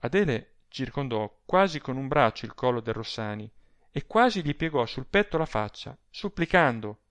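A man narrating a story in a calm, even audiobook reading. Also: mid-range voice, normal speed, no room sound.

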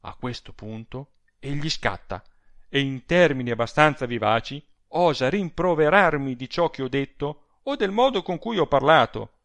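A man reading the part of a proud gentleman who speaks in a measured, formal and resolute way. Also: medium pitch, expressive. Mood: recounting. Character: proud stiff gentleman, middle-aged. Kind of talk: audiobook character reading.

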